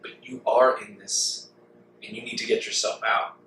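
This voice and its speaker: A man co-hosting a podcast, speaking in a measured, reflective way and often clearing his throat. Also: medium pitch, steady tone, fairly bright tone, distant mic, a little hiss or hum. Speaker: podcast co-host. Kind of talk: casual chat. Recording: echoey room, off-mic with faint ambience.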